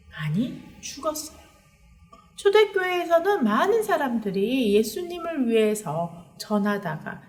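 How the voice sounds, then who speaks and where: A woman giving a children's sermon as a children's pastor, animated and asking the children questions as she tells the story. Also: high-pitched.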